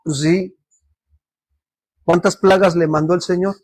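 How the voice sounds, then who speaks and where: A man's voice: high voice, steady tone, measured pace, darkish tone, dry recording. A man preaching a sermon as pastor, often putting questions to the congregation for them to answer. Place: church service.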